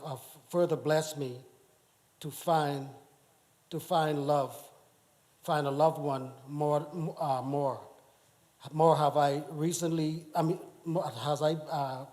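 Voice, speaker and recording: A middle-aged man from the Bahamas giving a personal testimony in church, speaking haltingly with many restarts. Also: a little high, a little mellow. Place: church sanctuary.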